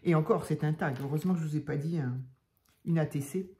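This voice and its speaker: An older woman casually showing craft tags to her viewers, talking softly and chattily with many hesitations. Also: sits low, fast talker. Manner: chatty, soft-spoken, hesitant with fillers. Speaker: craft channel host.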